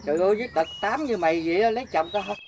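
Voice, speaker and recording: An actor playing a bossy older village uncle with a Southern Vietnamese accent, brisk, teasing and scolding. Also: male voice, high voice, slight background noise. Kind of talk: rural comedy film acting.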